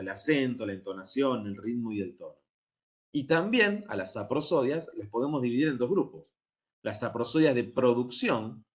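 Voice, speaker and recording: A man giving a university lecture, explaining step by step and often checking that his students follow. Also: mid-range voice. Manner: explanatory, checks understanding with frequent "¿sí?".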